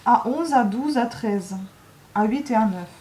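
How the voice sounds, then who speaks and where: A woman's voice: on the high side, lively intonation, measured pace, warm tone, a little hiss or hum. A woman vlogging casually while building a craft, joking and grumbling with lots of asides. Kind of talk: casual chat vlog.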